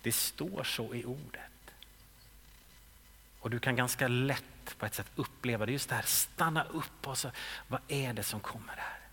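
A man preaching a sermon in a church, moving between soft whispers and loud calls. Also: medium pitch, gravelly, husky, in a large hall. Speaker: pastor.

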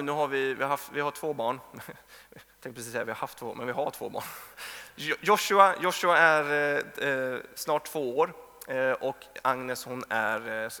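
Man in his thirties, pastor, sermon in a hall with long reverb; a sharp, gravelly voice that sits a little high. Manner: conversational storytelling, acts out quoted voices. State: tired from little sleep.

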